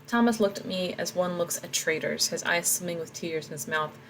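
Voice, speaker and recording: Low-voiced woman reading her own story. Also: brisk, fairly bright tone, slight background noise, poor audio. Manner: reflective, talks through her edits. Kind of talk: reading aloud and commenting on edits.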